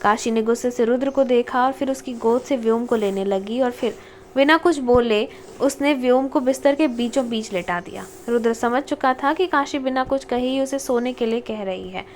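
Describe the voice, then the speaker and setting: Female audiobook narrator for a romance story, steady storytelling, somewhat high voice. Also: normal speed, slight background noise. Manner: steady storytelling, reads dialogue tags.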